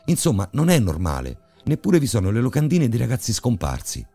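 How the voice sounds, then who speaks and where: Man doing a pushy curious teen boy, fervent, pitched up, husky, faint music. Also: sing-song, moderate pace, dark tone, heavily acted. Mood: eager. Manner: fervent, pressing. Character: curious teenage boy, eager and stubborn.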